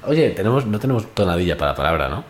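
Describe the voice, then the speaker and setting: A man's voice: deep voice, big pitch swings, very fast. A man co-hosting a podcast, in casual playful banter during a made-up word game. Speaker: podcast co-host. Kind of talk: casual chat.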